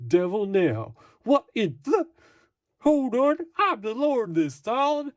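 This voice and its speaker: A man's voice: very high-pitched, big pitch swings, takes it slowly, dry recording, studio quality, pitched above the performer's own voice, full character voice. A man voicing a bossy small-town male police officer who demands to know who he is facing. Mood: blustering. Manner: bossy, indignant.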